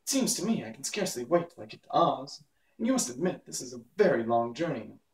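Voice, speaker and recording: A man voicing a calm, plaintive man made of tin in a storybook. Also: medium pitch, quick pace, echoey room, far from the mic, rough recording.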